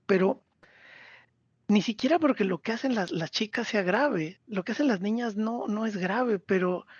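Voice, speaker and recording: A man with a Mexican Spanish accent talking casually on a podcast, retelling scenes with lively acted-out quotes. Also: high voice, dry recording, dull audio. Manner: animated storyteller, acts out character quotes. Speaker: podcast co-host.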